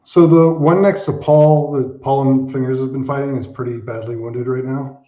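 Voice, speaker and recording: A man's voice: mid-range voice, steady tone, moderate pace. A man playing a tabletop game, chatting casually about his rolls and moves over a muffled, roomy recording. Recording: muffled, very echoey room.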